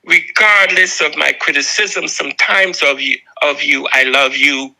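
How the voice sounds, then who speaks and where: A man's voice: a little high, gravelly, sharp tone, rough recording. A man with a Barbadian accent delivering an earnest, impassioned moral address, pleading with his listeners. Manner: slow, earnest, preaching with pleading appeals. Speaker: video essayist.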